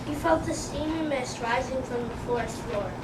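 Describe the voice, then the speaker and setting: A woman's voice: high voice, normal speed. A female reader narrating a storybook as part of a performance. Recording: noisy, echoey room, far from mic.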